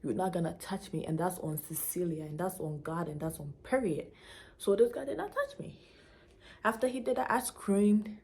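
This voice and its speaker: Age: young adult. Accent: Ghanaian. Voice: a woman with a fairly low pitch. Style: animated storytelling vlog, emphatic and blunt. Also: moderate pace. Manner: emphatic, animated storytelling with local slang mixed in. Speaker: vlogger. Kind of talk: casual storytelling to camera.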